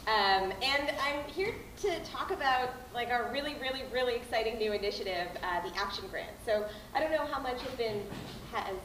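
A woman's voice: high-pitched, background noise. A woman in her thirties with a Canadian accent, chatty and bubbly with many fillers, announcing grants as a board chair to a crowd. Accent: Canadian English. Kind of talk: casual announcement speech. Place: large hall with a mural, indoors. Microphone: far camera, no microphone. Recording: roomy hall from a distant camera.

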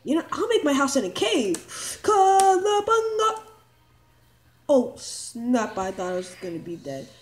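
A woman giving casual, rambling commentary over a gameplay video, excitable and full of quick exclamations. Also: on the high side.

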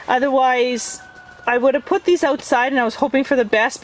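A middle-aged woman giving a casual, excited garden tour outdoors, talking into a handheld camera. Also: on the high side. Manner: enthusiastic, chatty, gets excited about plants. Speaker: gardening vlogger. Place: outdoors, greenhouse and yard.

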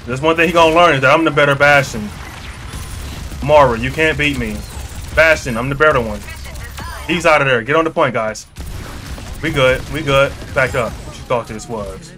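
A man streaming a competitive team shooter, trading excited trash talk and quick callouts with his teammates. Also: medium pitch, soft background music. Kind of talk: casual gaming chat with teammates.

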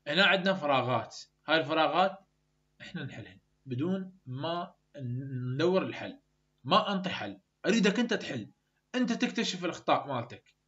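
A man's voice: a little high, fairly bright tone. A man with an Iraqi Arabic accent tutoring university English students for an exam, urging them on and mixing in English terms. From Iraq. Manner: urgent, exhorting students, mixes English terms. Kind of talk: exam-review lecture. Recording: dull, lo-fi recording.

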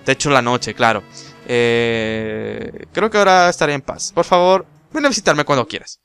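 A man's voice: medium pitch, moderate pace, gravelly, a bit bright, faint music behind. A man voicing a grumpy, whiny giant caterpillar, reading the game's dialogue aloud dramatically. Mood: calm. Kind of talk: reading game text aloud.

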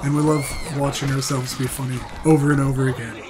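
A man's voice: mid-range voice, level tone, fast talker, crowd noise. Sick man joking through a let's play. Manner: joking, rambling with fillers. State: sick with a cough. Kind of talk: casual gaming commentary.

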